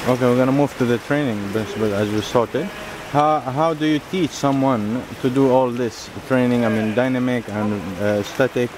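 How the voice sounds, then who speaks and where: A man interviewing an athlete, asking questions haltingly with many fillers. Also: mid-range voice, fairly even intonation, background noise. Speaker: reporter, interviewer.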